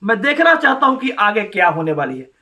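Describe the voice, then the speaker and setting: A man's voice: sits high, very animated, fairly quick, pushed and bright. A man giving combative, taunting political commentary, firing questions at officials.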